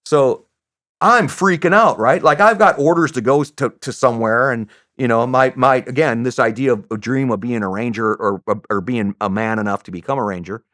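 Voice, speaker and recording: A middle-aged man, a former special operations soldier, telling a story as a podcast guest in a lively, animated way, with many restarts and acted-out voices. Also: mid-range voice, moderate pace, dry recording, studio quality.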